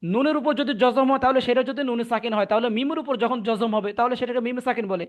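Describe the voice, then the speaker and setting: A man's voice: very high voice, fast talker. A man teaching Quran recitation in an online class, patiently repeating points and checking that students understand. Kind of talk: online tajweed class explanation.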